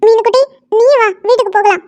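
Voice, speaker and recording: A woman voicing an elderly cartoon grandmother who calmly soothes the young couple in a gentle, coaxing way. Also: very high voice, fast, no room sound, lo-fi sound. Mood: soothing.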